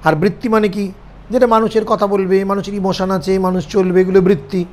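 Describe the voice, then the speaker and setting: Man, Bengali accent, high voice, seminar lecture, explains and checks listeners understand. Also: flat delivery, fast, darkish tone. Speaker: seminar teacher. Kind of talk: lecture to students.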